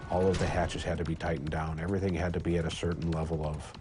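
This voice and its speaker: Deep-voiced man in an interview. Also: level tone, quick pace. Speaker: former navy crew member interviewee. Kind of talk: interview recollection. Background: music.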